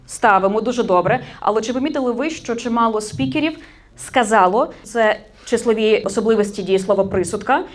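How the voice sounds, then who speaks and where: A Ukrainian-accented woman media trainer, speaking a little high and fairly quickly, runs an interactive workshop on correct Ukrainian usage, quizzing her audience and fixing common mistakes.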